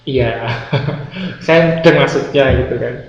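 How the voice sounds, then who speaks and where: A man's voice: mid-range voice, slow, gravelly. A man teaching an English grammar class, explaining patiently, repeating key words and quizzing his students. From Indonesia. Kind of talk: classroom lecture. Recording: roomy classroom, dull lo-fi sound, faint noise.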